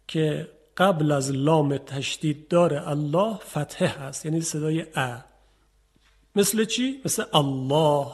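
A man's voice: fairly high pitch, a little mellow, husky. A male Quran recitation teacher giving a patient explanatory lesson, repeating and demonstrating each example.

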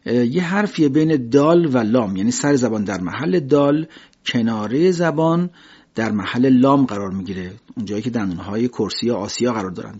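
A man teaching a lesson on Quran recitation, patiently explaining and slowly demonstrating letter sounds. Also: medium pitch, darkish tone, husky. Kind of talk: religious lesson on pronunciation. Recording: dull lo-fi recording.

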